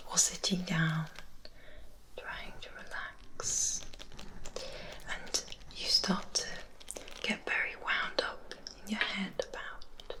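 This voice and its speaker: A woman leading an ASMR meditation in a breathy, unvoiced whisper, soothing and deliberate, softly repeating words. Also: on the low side, low-quality recording. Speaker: ASMR host guiding relaxation.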